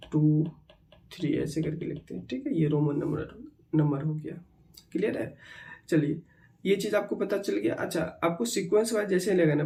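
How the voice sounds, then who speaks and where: A man gives a chemistry lesson with a mellow, slightly higher voice. He mixes in terms, repeats key words and keeps checking in with his students. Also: creaky. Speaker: chemistry teacher. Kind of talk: online exam-prep lecture.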